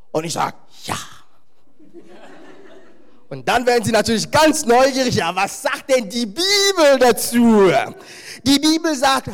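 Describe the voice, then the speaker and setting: A male preacher delivering a sermon with a high voice that leaps up and down all the time. He talks emphatically to his listeners and drops in wry, humorous asides.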